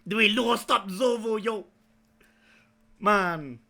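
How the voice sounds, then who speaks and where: A young man with a raspy, creaky voice doing excited live reaction commentary in slangy, hyped-up bro talk that bursts into shouting. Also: high voice, slow. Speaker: YouTube anime reaction host.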